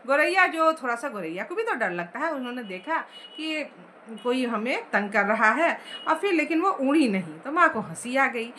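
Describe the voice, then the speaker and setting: A woman's voice: sits high, sing-song, moderate pace, pushed and bright, slight background noise. A woman teacher explaining a story chapter line by line, asking the class questions as she goes.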